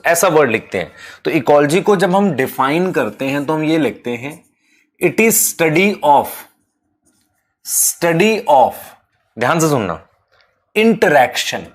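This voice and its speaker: A man teaching a biology class in a slightly high voice. He explains each idea step by step and often asks his students whether it is clear. He slips English terms into his Hindi. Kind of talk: classroom lecture.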